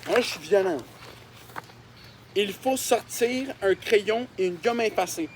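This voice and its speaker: Speaking at a slow pace, a young man from Québec with a high-pitched voice looks back at his childhood drawings for his YouTube vlog. It is mocking, self-deprecating and full of swearing, and a faint hum sits behind him.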